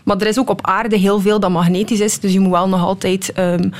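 Female, twenties, Flemish accent. Researcher guesting on an interview, explains informally and pauses to find words. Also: medium pitch, little pitch movement, a little mellow. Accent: Flemish Belgian.

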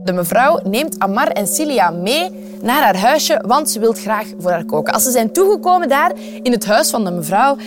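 A woman's voice: fairly high pitch, normal speed, music in the background. A woman with a Flemish accent reading a children's story aloud, asking her young listeners questions. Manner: lively, animated voices, asks the children questions.

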